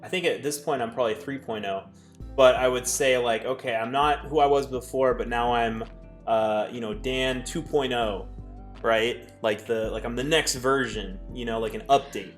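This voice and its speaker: A man's voice: mid-range voice, normal speed, faint music behind. Rambling young man, casual stream chat. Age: 20s. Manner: rambling, many fillers and restarts.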